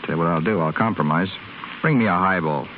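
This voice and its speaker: In a 1930s-style radio drama, an actor plays a spoiled, restless young rich man stuck in a hospital, flippant, sardonic and wisecracking. His low-pitched voice moves quickly and sounds close to an everyday voice, over a tinny, faintly hissy broadcast.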